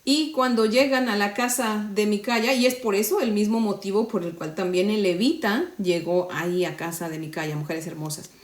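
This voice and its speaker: A woman's voice: medium pitch, moderate pace, few pauses, echoey room. A woman from Mexico, teaching the Bible to women in a conversational devotional style and often checking in with her listeners. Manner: conversational, often asks "¿verdad?".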